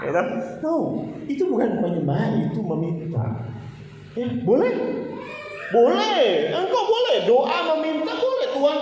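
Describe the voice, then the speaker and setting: A male pastor preaching a sermon in a lively manner, chuckling often and acting out sample prayers. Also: high voice, slight background noise. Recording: echoey hall, voice far from mic.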